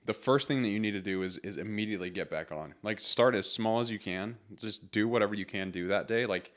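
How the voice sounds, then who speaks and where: This podcast host's fairly low voice moves a little fast as he chats through his solo motivational show. He's stuffed up with a cold and talks in a loose, rambling manner with fillers and restarts.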